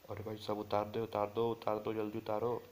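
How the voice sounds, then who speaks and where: A man chatting during live gameplay, repeating urgent calls and pleas in quick bursts. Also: fairly low pitch, monotone, heavy background noise. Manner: urgent, repetitive pleading and calling out. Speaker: gamer streamer.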